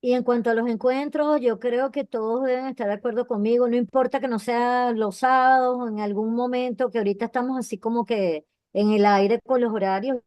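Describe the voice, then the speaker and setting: A woman's voice: fairly high pitch, fairly even intonation, fairly quick, few pauses, a little mellow, no echo. A woman, a graduate student eagerly speaking up for her classmates. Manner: eager, friendly, speaks for the group.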